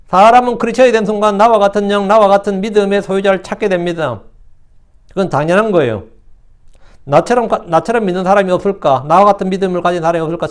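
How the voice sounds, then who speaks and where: Man, pastor, sermon, rapid delivery, high-pitched, conversational, rhetorical questions, mocking voices. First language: Korean. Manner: conversational preaching, quick asides and rhetorical questions; acts out mocking voices of scoffers.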